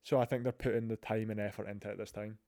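A man's voice: fairly low pitch, level tone, quick pace, warm tone, dry recording. A Scottish man hosting a podcast in casual, teasing banter with a dry sense of humour. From Scotland. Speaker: podcast host. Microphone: remote recording from a separate room.

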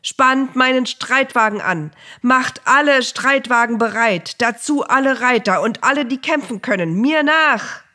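A woman voicing a furious male king who shouts commands at his army. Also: a little high, a little slow, hardly any pauses, voice pushed up.

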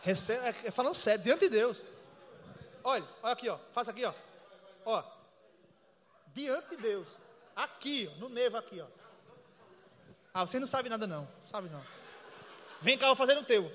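A man preaching with a strikingly high, bright voice, animated and playful as he demonstrates and imitates laughter. His voice rings out with a long reverb, as in a large hall. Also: normal speed, pauses often. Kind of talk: lively sermon.

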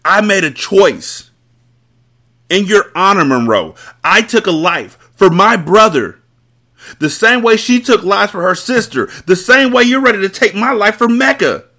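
A man voicing a furious adult male crime boss in an audiobook, shouting and commanding. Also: high-pitched, heavily acted.

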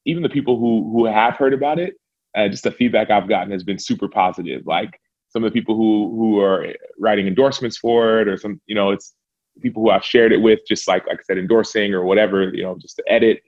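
An earnest man co-hosts a podcast, rambling and restarting as he chats. His voice sits on the low side and the audio sounds dull and lo-fi. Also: quick pace, darkish tone. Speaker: podcast co-host. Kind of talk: casual chat.

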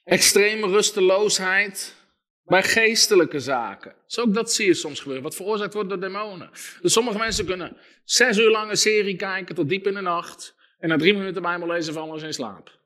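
A male preacher with a high, bright voice delivers an emphatic sermon. He builds his points through lists and tells stories, acting out the lines of the people in them. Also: normal speed. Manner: emphatic, storytelling with lists and quoted dialogue.

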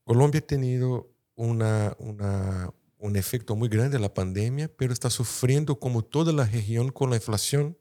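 This political commentator has a warm, mid-range voice and talks at a moderate pace with hardly any pauses. Speaking Spanish blended with Portuguese in a Brazilian accent, he hunts for words while analyzing politics conversationally.

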